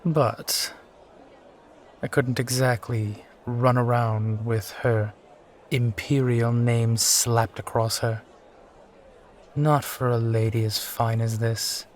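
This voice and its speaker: A man acts out a brooding sky pirate captain from a steampunk roleplay, speaking at a very unhurried pace. He is a courtly, charming old soldier who rambles wistfully and sighs, with noticeable ambient noise around him. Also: mid-range voice, little pitch movement, natural voice. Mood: proud. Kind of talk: immersive one-sided roleplay audio acting.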